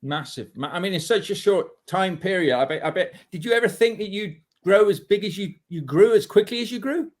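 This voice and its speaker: A man's voice: high-pitched, expressive, brisk, few pauses. A man hosting a podcast interview, introducing his guest with effusive, enthusiastic praise. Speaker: podcast host. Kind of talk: casual interview.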